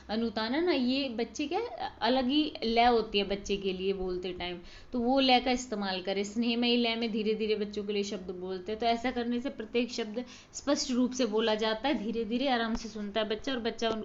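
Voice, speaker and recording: A woman's voice: on the high side, muffled recording, slight background noise. A woman tutor giving an informal exam-prep lesson, talking conversationally and checking in with her listeners. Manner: conversational, checks in with listeners, acts out baby talk as examples.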